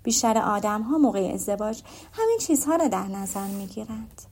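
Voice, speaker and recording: A woman reading the lines of a calm, practical young woman in an audiobook, in a matter-of-fact way. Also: medium pitch, breathy edge.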